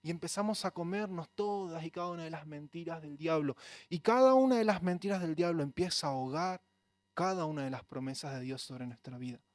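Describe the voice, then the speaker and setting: A man's voice: a little high, a little fast, no echo. A man preaching a sermon in a Rioplatense accent, earnest and conversational. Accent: Rioplatense Spanish. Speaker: pastor.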